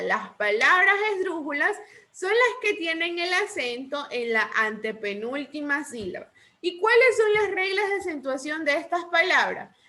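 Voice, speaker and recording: A woman teacher with a high, bright voice runs a remedial lesson. She patiently quizzes her students with the same questions again and again, then spells out each rule slowly and deliberately. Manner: slow deliberate dictation of rules. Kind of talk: online remedial class.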